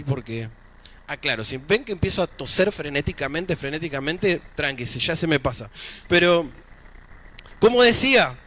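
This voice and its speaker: A man's voice: very high-pitched, fairly bright tone. A man with an Argentine accent preaching a sermon at a church service, talking in a conversational way with joking asides between scripture readings. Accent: Argentine Spanish.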